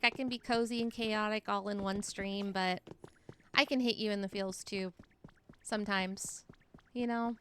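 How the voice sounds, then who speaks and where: Speaking in a pushed, bright, medium-pitched voice, a woman in her late thirties hosts a casual live stream. She encourages her viewers while reading their chat messages out loud.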